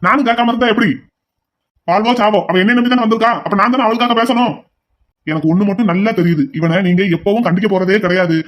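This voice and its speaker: Man playing an angry elder son, cartoon, lecturing, high-pitched, rapid, dull audio. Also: lightly acted. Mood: indignant. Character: indignant elder son defending his wife.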